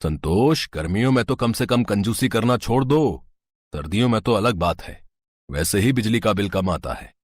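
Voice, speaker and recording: An actor voicing an easygoing older husband and father-in-law who gently chides his stingy wife. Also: medium pitch, moderate pace, no room sound, clean studio sound, close to an everyday voice. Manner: relaxed, gently chiding.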